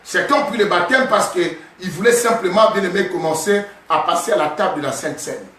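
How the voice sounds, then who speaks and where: A man preaching a sermon as a bishop, emphatic and often shouting, calling his listeners beloved over and over. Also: sits high, a little fast. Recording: echoey hall, voice from a distance.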